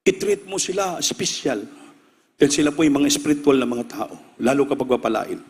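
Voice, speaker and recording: A male preacher telling a story in a sermon, acting out the voices of the people in it and rising to shouts. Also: mid-range voice, lively intonation, moderate pace, big-room sound.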